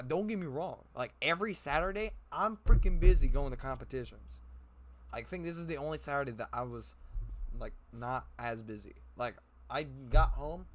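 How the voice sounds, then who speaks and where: A young man of middle pitch chats to his viewers from his room, telling a story in a loose vlog. He rambles and laughs as he talks, with plenty of fillers and false starts. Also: a bit bright. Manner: rambling, laughs often, many fillers and restarts. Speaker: YouTuber. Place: his own room indoors.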